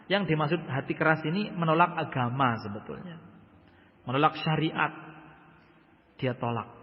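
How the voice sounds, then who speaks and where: A man, a religious teacher giving a mosque study-circle lecture, reading Arabic text and explaining it, swinging between loud declaiming and quiet asides. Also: a little high, moderate pace. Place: large mosque hall. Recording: muffled, long reverb hall sound.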